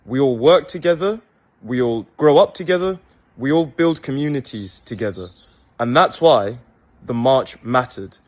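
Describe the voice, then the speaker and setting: A man's voice: medium pitch, animated, normal speed. A man giving an emphatic, rallying public speech, played as a clip. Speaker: speaker at a rally.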